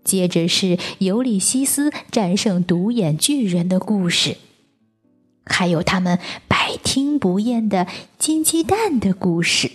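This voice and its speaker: Slow breathy woman reading a picture book. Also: mid-range voice, expressive, soft background music. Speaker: storyteller.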